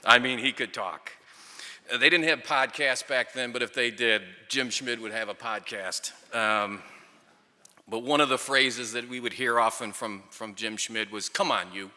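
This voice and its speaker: Bright-voiced man telling stories in an echoey hall. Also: medium pitch, unhurried. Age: middle-aged. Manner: wry, storytelling with dry humour. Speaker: speaker at a ceremony, former player and coach. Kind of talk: prepared storytelling tribute speech. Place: large hall or venue, speaking to an audience at a microphone. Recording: echoey hall with long reverb.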